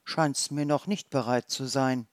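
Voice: fairly even intonation, a little slow, no room sound, clean studio sound, lightly acted. A storyteller voicing a worried, caring fox in a storybook. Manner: concerned, low.

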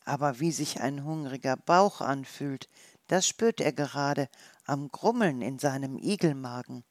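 Slow, gentle storyteller reading. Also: medium pitch, no room sound, studio quality.

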